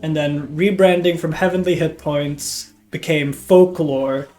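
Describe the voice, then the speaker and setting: With a somewhat high, darkish voice and a steady tone, a Norwegian man speaks at a measured pace as a YouTube host. Slightly congested from a cold, he chats casually with viewers in a hesitant, self-deprecating manner, accompanied by background guitar music.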